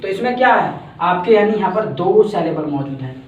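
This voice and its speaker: A man from India with a fairly high voice teaches a classroom grammar lesson. He patiently repeats each word and sounds it out syllable by syllable. The voice is picked up from a distance in a very echoey room and sounds dull and lo-fi. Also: animated, fairly quick, darkish tone. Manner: patient, repeats words and breaks them into syllables. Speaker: English teacher. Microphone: far from the mic.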